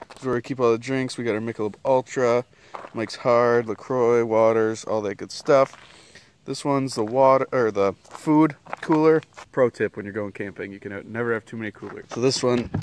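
A man's voice: mid-range voice, a little hiss or hum. A young man vlogging outdoors at a wooded campsite, chatting casually into a handheld camera as he walks and points things out. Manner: relaxed, chatty, listing things with fillers. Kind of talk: casual vlog tour. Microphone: handheld camera at arm's length.

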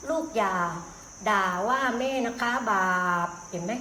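A woman teacher explaining things to young children in a motherly way, with simple questions and gentle instructions. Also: medium pitch, measured pace. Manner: motherly, addresses listeners as her children. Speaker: preschool teacher. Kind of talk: children's lesson to camera. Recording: echoey room, faint background noise.

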